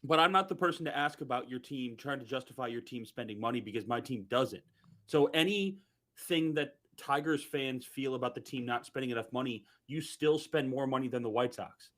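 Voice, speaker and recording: A man's voice: mid-range voice, brisk, a bit bright. A man on a sports podcast panel, ranting bluntly in casual chat.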